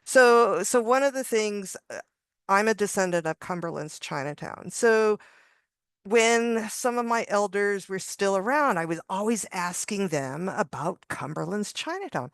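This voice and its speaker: A woman, a contributing author on a video panel, tells a story conversationally over a video call, rambling with frequent restarts and small laughs. Her mid-range voice is expressive and measured in pace. The sound is clean, studio-like, and free of echo.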